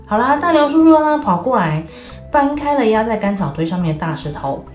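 A woman telling a bedtime-style story to children in a lively voice, speaking to them directly. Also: a little high, a little fast. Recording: echoey room with faint music.

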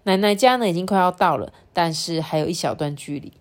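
A woman with a Taiwanese Mandarin accent reading a picture book aloud to her child, breaking off to ask questions and explain the story. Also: quick pace. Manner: expressive, sweeping pitch for drama, often quizzes the child. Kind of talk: storybook reading with chatty commentary.

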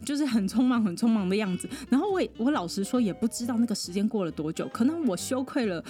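A woman, a psychologist guest on a podcast, telling a personal story in a lively way, often laughing and mimicking other people. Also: fairly high pitch, fast, faint music behind.

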